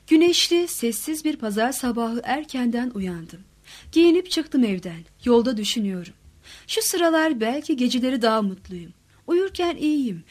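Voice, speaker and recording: A woman reads literary fiction aloud in a soft, hushed manner. Her voice sits a little on the high side and sometimes sinks close to a whisper. It is a calm, steady audiobook narration.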